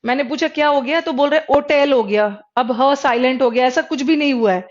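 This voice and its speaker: A woman teaching an exam-prep English class, sounding out letters and words slowly to explain pronunciation while mixing Hindi and English. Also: high voice. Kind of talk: classroom lecture. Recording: dull lo-fi recording.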